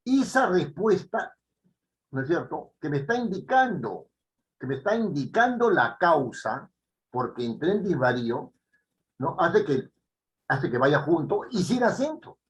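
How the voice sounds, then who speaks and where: A man's voice: a little high, very animated, a little slow, dull audio. A man with a Peruvian Spanish accent teaching a writing class, emphatic and full of tag questions. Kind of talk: online writing lesson.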